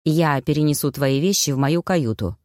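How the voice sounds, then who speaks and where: Woman doing a calm teasing male werewolf, lowish voice, dry sound. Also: no room sound, natural voice. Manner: calm, gently teasing, unhurried.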